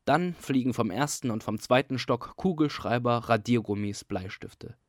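Man calmly reading a novel bit on the radio, dry close sound. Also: mid-range voice, normal speed, no echo. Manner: calm storyteller. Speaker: reader.

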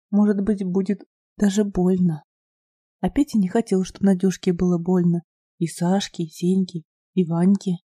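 A woman narrating an audiobook in a measured, expressive way. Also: fairly low pitch, husky, no room sound, clean studio sound. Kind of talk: scripted narration.

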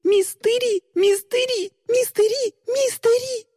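A woman voicing a frightened young woman who pleads and cries out in a high, strained voice. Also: takes it slowly, dark tone, no echo, clean studio sound. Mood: frightened, pleading. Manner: high, strained and tearful, rising to shrieks.

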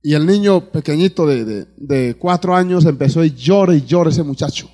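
In church before a live audience, a Colombian-accented pastor preaches at a normal pace in a fairly high, mellow voice. Amens and questions to the congregation punctuate his sermon, and he frequently repeats words while finding the next one.

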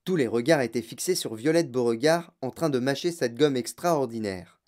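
A woman narrating a children's storybook aloud in a steady, clear way. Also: very deep voice, moderate pace.

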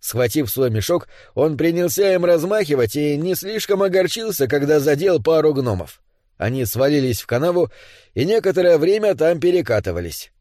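Man reading a fairy tale audiobook, lively up and down voice, slightly high, dry close mic. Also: normal speed, dry recording. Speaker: audiobook narrator. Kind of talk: scripted storybook narration.

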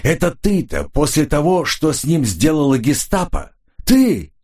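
A man voicing a sharp, domineering young woman who interrogates and shouts in an audiobook. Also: a little high, huge pitch swings, a little slow, voice pushed up, full character voice. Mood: shrill scorn. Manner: curt, shouting.

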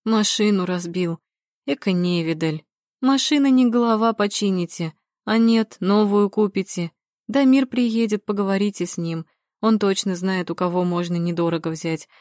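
A woman's voice: mid-range voice, moderate pace, darkish tone, dry recording, clean studio sound, lightly acted. A woman voicing a bossy, motherly older housekeeper who talks in a raised, scolding but cheerful tone. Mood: reassuring scold.

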